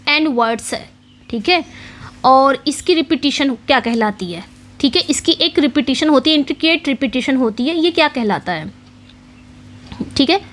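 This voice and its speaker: A woman teaching English literature for exam preparation, explaining in Hindi mixed with English terms, often asking quiz questions and repeating the key points. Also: high voice. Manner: reads English question text slowly. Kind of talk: exam-prep lecture.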